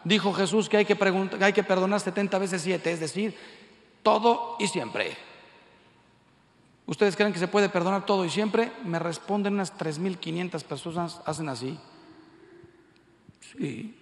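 Lively Mexican priest preaching in a hall. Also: male voice, high voice, measured pace, long pauses. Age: 50s. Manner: animated storytelling, acting out dialogue in voices. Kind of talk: humorous sermon to a large audience. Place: large hall with live audience. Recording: echoey hall reverb.

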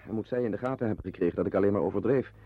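The actor's lowish, husky voice races along with no room sound as he plays a wry, brooding, henpecked husband in a Dutch radio play. A former artist fond of animals, the character muses ruefully to the listener, and the old recording is muffled and band-limited.

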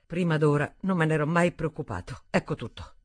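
A woman's voice: sits low, fairly quick, no echo. A woman reading the part of a stubborn, earnest young man in an audiobook, speaking firmly with restrained anger. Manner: firm, blunt, restrained anger.

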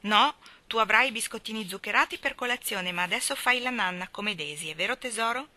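A woman's voice: fairly high pitch, fairly quick, sharp tone, no echo, pitched above the performer's own voice. A woman reading an audiobook, voicing a tender young mother who talks in a sweet, coaxing way.

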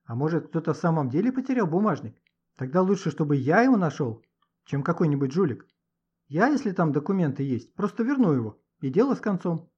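A man's voice: on the high side, sing-song, a little fast, a little mellow, slightly rough, muffled recording. A man reading the part of a good-natured schoolboy who helps grudgingly, speaking offhand with sighs. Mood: pondering. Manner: offhand, sighing.

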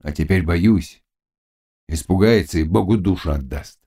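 A man voicing a brooding, passionate young Cossack warrior in an audiobook, speaking low and earnestly. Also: a little slow, mellow. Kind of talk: audiobook character reading.

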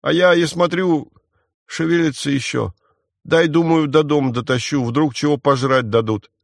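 A man's voice: fairly high pitch, fairly even intonation, gravelly, no echo, studio quality, pitched above the performer's own voice. A man reading an audiobook voices a frightened, defiant boy thief who whines and snaps back. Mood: wary. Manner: squabbling, whining, quick to snap back. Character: scrappy scared boy thief, defiant and whiny.

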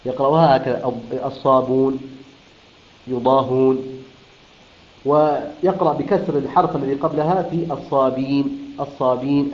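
A man teaching Quran recitation rules, explaining step by step, repeating terms and answering his own questions. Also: mid-range voice. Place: room of a Quran school. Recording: roomy, dull lo-fi room recording.

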